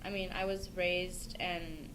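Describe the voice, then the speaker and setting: A hesitant young American woman answers casual interview questions in a low-leaning, level voice at a slow pace. She sounds thoughtful, pausing and filling gaps with "I mean" and "like." The recording is noisy, with ambient hiss throughout.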